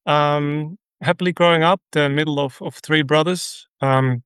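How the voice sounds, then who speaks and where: A man with a Dutch accent talks through his story in an earnest, halting way, pausing often on fillers. His voice sits a little high for a man. The sound is close and dry, with no room around it. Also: steady tone, fairly bright tone, clean tone, dry recording. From Netherlands. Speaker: guest, ministry leader. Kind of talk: conversational interview.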